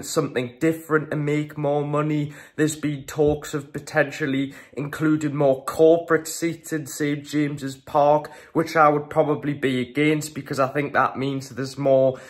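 A man's voice: a little high, level tone, unhurried, hardly any pauses. A teenage guy vlogging to camera at home, chatty and opinionated, with frequent ums and restarts. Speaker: football vlogger. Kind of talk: casual vlog to camera. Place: small room at home, indoors.

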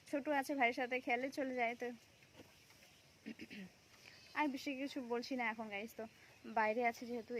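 Filming indoors and outdoors at a village home, a young West Bengal woman talks to her vlog viewers in a quiet, hushed way, full of fillers and addressing them as "guys." Her voice is on the high side, recorded as dull lo-fi phone audio with a little background noise.

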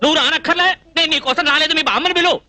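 A man's voice: very high voice, pushed and bright, heavily acted. An actor playing a fussy, naive young male cook who scolds and rambles, in a dubbed film comedy. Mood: scolding. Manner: scolding, rambling, quick outbursts.

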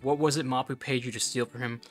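A man's voice: mid-range voice, fairly even intonation, fast talker, faint music behind. A young man doing casual, wry let's play commentary. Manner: wry, joking asides.

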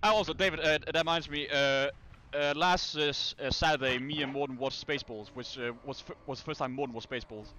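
A man's voice: on the high side, fairly even intonation, fast, sharp tone, slight background noise. A man hosting a co-op game stream, chatting casually, stammering and swearing often. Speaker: streamer host. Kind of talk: casual co-op gaming chat.

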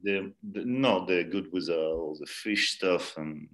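Slow, deep-voiced man from Ukraine. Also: fairly bright tone. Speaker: guest. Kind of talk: casual online interview. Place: indoor room, video call. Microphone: laptop mic on video call.

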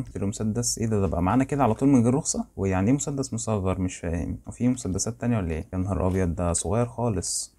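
A man's voice: fairly low pitch, mellow. A man with an Egyptian Arabic accent giving casual commentary on his role-play gameplay, thinking aloud as he goes. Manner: rapid, chatty, thinking aloud. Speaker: gaming channel host.

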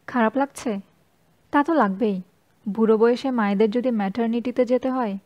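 A woman voicing a brisk, affectionate middle-aged aunt. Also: fairly high pitch, darkish tone, lo-fi sound, natural voice.

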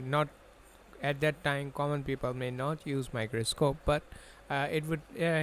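A man's voice: medium pitch, slight background noise. A man giving an explanatory lesson as a lecturer, restating points in simple terms. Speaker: biology lecturer. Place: voice-over recorded over slides.

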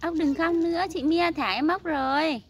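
Very high-voiced woman coaxing a child. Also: normal speed, a little hiss or hum. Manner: sing-song and encouraging, with bits of English praise. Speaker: parent filming her child. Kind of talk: coaxing talk to a small child. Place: outdoors by a temple pond.

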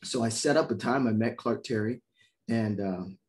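A middle-aged man from Miami, a trumpet player, telling animated stories in casual conversation over a video call. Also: medium pitch, normal speed. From Miami, Florida. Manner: animated storyteller, acts out quoted voices. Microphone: video call mic.

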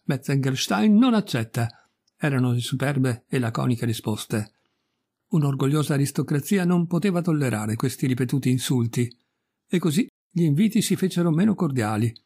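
A middle-aged man reading a classic story aloud in a measured, literary way, lifting his pitch a little for quoted speech. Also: darkish tone, slightly rough. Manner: measured literary reading, quoting characters with small pitch rises. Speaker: audiobook reader. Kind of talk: scripted narration of a classic tale.

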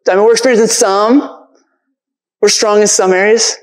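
A man's voice: high voice, fairly even intonation, normal speed, low-quality recording. A man preaching a casual, earnest sermon from a church stage, talking conversationally with lots of fillers.

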